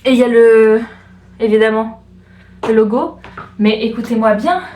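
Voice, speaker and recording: A young woman from France chatting in a casual home vlog, bubbly and gushing, repeating herself with excitement. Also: fairly high pitch, moderate pace. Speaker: vlogger. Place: room at home. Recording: echoey room, faint background hiss.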